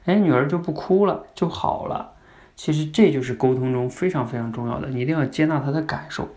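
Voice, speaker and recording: A man's voice: a little high, brisk, darkish tone. A man hosting a podcast that teaches communication, explaining in a conversational way and often asking his listeners questions.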